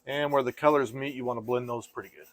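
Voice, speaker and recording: A man teaching painting step by step in a casual, gentle and reassuring way, like an easygoing instructor. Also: mid-range voice, steady tone, quick pace.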